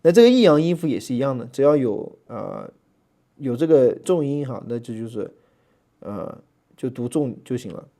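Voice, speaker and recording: Guy teaching greek letters and accents, dark mellow voice, chatty, lots of uh and ah, slows way down to spell stuff out. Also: medium pitch, very animated. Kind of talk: relaxed classroom lecture.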